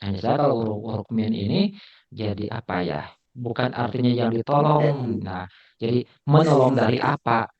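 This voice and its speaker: A man's voice: medium pitch, moderate pace. A man teaching Arabic grammar in an online class, patient and repetitive, sometimes laughing at his own slips. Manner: patient, repeats phrases, admits slips with a laugh. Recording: dull lo-fi online call audio.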